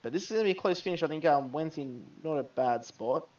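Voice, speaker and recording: A man's voice: fairly high pitch, animated, fast talker, a little mellow, dull audio. A man commentating a live game match, giving analytical play-by-play. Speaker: esports caster.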